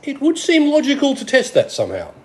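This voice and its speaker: A man's voice: extremely high pitch, wildly swooping pitch, fairly quick, darkish tone, full character voice. A man playing Sarek, a haughty alien father and smug roguish flirt, with a dry, pompous delivery in an amateur radio play. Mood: flirtatious, cocky.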